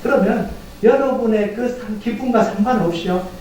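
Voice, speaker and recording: A male pastor delivering a Korean-language Sunday sermon, swinging between hushed pleading and shouted exclamations. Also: sits high, moderate pace. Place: church sanctuary in Texas. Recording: distant echoey church sanctuary with faint noise.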